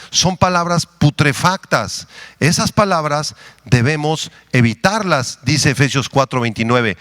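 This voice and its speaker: A man from Mexico preaching a sermon as pastor, leading the congregation in prayer and Bible reading with slow, deliberate emphasis. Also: a little high, fairly bright tone, no room sound, studio quality. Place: church.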